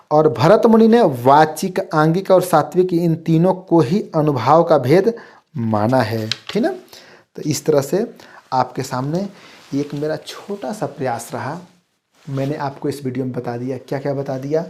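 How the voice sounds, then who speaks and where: A man's voice: on the high side, lively intonation, darkish tone, a little hiss or hum. Hindi teacher man checking his class. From India. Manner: repeats "ठीक ना?" to check the class, stresses each term; reads lists of terms slowly and clearly. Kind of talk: exam-prep lecture.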